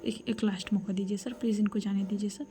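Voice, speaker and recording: A scared young woman stammers out her pleas in a soft, breathy hush, as a woman storyteller puts her on. Her voice sits mellow and dark. This is storybook narration, not a full performance. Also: medium pitch, fairly even intonation, fast, lightly acted. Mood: pleading. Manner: stammers, begs in a hushed breathy voice.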